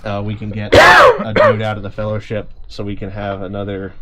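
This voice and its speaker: A man chatting casually at a board game table, thinking aloud with halting restarts. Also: fairly low pitch, huge pitch swings, pushed and bright.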